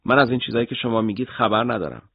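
A man's voice: mid-range voice, animated, vocal fry, slightly rough, no room sound, highs cut off. A man voicing a frightened young male detainee who pleads and stammers out denials. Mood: defiant.

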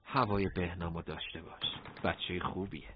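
A man voicing a friendly young man in an audiobook story, talking gently and reassuringly. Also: sits low, steady tone, dull audio, slight background noise, pitched below the performer's own voice, close to an everyday voice. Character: friendly young man, calm older-brother type.

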